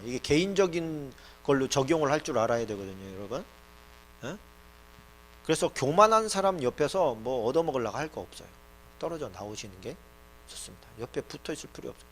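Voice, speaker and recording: A middle-aged man preaching a sermon as pastor, lively and acting out the voices he quotes. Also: mid-range voice, slight background noise.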